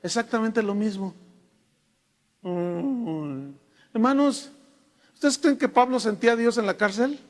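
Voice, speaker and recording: A Mexican man preaching a sermon as a pastor, telling humorous stories with lively asides in a church hall. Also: sits high, unhurried, pauses often. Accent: Mexican Spanish. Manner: storytelling, humorous, animated asides. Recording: echoey hall reverb.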